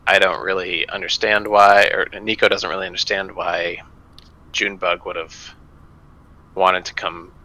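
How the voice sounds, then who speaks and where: A very deep-voiced man with a sharp, intense tone talks as a player at a tabletop game. He speaks hesitantly and fills his sentences with "like" and "um.". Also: little pitch movement, normal speed, low-quality recording. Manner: hesitant, filler-heavy. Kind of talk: casual tabletop game talk.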